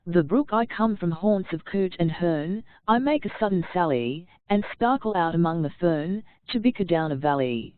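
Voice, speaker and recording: Female audiobook narrator, lowish voice, measured recitation, dry phone-quality audio. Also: expressive, no echo. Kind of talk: audiobook reading of verse and instruction. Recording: tinny phone-like sound, dry.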